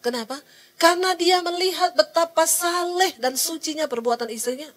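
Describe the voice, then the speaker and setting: A woman's voice: very high voice, moderate pace, fairly bright tone. A middle-aged woman, preaching a sermon to a women's service, telling a story and acting out its people, with frequent call-outs to the congregation. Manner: acts out the people in her story.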